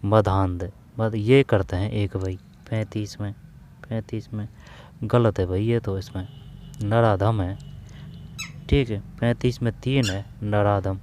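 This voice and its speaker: A man teaching an exam-prep grammar lesson, repeating terms slowly and often calling his viewers "brother". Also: fairly low pitch, fairly even intonation, a little mellow, slight background noise. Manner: repetitive, drawn-out explaining, addresses viewers as bhai.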